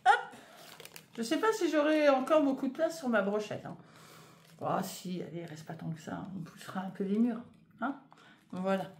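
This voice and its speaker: A woman's voice: on the high side, expressive, normal speed, pauses often, a little mellow. A woman chatting casually in a knitting vlog, hesitant with many fillers, filming in her home conservatory. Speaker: knitting vlogger. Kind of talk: casual vlog chat, unboxing yarn.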